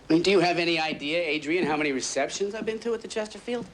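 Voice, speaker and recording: An actor playing a defensive, indignant husband denying an accusation, heard from a worn tape copy of a film. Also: male voice, on the high side, fairly bright tone, slight background noise, poor audio. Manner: indignant, swinging from scoffing to insistent.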